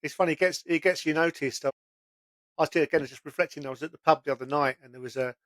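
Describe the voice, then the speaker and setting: A man's voice: on the high side, quick pace, fairly bright tone, dry recording. Dry-sounding man in casual chat. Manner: chatty storyteller, plain-spoken. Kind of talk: casual conversation.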